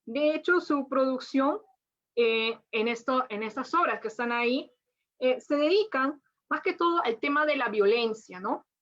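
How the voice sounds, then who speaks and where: A literature lecturer with a high voice gives an academic lecture, sounding expressive and fairly bright while speaking a little slowly. She uses frequent tag questions and often restarts her sentences. The recording is dull and lo-fi.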